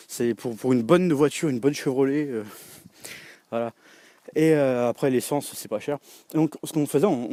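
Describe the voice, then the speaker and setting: A man's voice: mid-range voice, dark tone, dry recording. Chatty young Frenchman, rambling and laughing. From France. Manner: rambling, full of fillers and restarts, addresses the viewer directly; laughs often while talking. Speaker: vlogger. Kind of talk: casual chat to camera.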